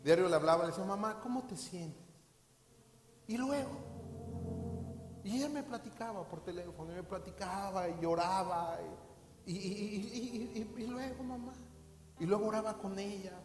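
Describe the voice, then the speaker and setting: A man's voice: sits high, moderate pace. A man with a Mexican accent, a pastor preaching a sermon with repetition and direct questions to the listeners. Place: church hall. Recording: echoey hall with faint music.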